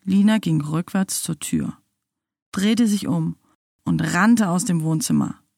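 Brief: low-voiced woman storyteller, dry close sound, measured and dramatic. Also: vocal fry, darkish tone, dry recording. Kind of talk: storybook narration.

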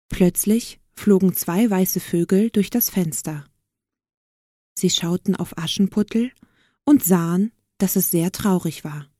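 A woman reads a fairy tale aloud in clear, careful, simple sentences for learners. Her pace is very slow and her tone mellow. The recording is dry and close. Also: medium pitch, no echo. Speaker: narrator. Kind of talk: slow storybook reading for learners.

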